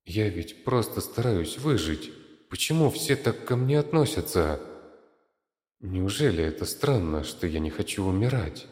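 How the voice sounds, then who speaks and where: A man's voice: deep voice, animated, a little slow, a little mellow, roomy sound, in a large hall. A man voicing a cowardly male intellectual in an audiobook, irritable and pleading.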